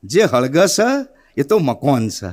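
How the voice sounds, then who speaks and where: A man doing an unhurried village headman. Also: mid-range voice, wildly swooping pitch, a little mellow, voice pushed down. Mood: calm, wry. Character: rustic village headman, unbothered and philosophical.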